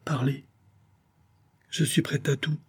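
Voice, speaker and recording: A man's voice: mid-range voice, moderate pace, mellow, slightly rough, pitched above the performer's own voice, close to an everyday voice. A man voicing a loving, earnest young woman in a raised, tender voice.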